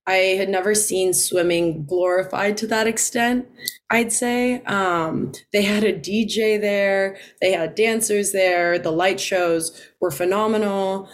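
A young woman college swimmer from the Philippines, answering interview questions in a relaxed way with frequent ums and light laughs. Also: mid-range voice, slow. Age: 20s.

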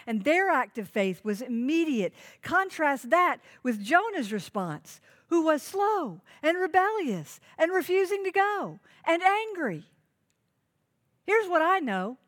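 A woman pastor preaching a sermon, stressing key phrases by repeating them and putting direct questions to her listeners. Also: fairly high pitch. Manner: emphatic, repeats key phrases for note-taking.

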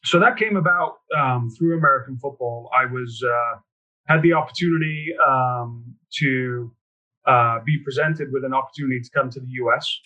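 A man from near chats as a podcast guest, relaxed and dotted with ums and uhs. His voice is bright and forceful. The audio sounds a little dull and lo-fi. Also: mid-range voice, normal speed. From England, near Liverpool. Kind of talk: casual interview chat.

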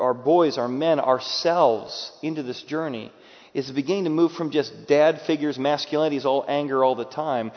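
In a big, echoing space, a mid-voiced pastor delivers his sermon, voicing the people he quotes. He moves from loud outbursts to quiet, hushed passages, with long reverb trailing each phrase. The audio is muffled and dull.

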